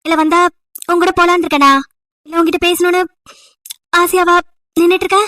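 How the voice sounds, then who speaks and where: A woman voicing an irritated, sharp-tongued young female college student in an amateur audio drama, scolding with sarcastic rhetorical questions. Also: very high voice, flat delivery, a little fast, no room sound. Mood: annoyed.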